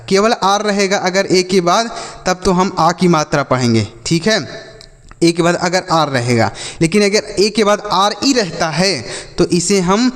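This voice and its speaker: High-voiced male teacher drilling phonics. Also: a bit bright, big-room sound. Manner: slow, repeats words and asks the class back. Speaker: English teacher. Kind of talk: phonics lesson for children.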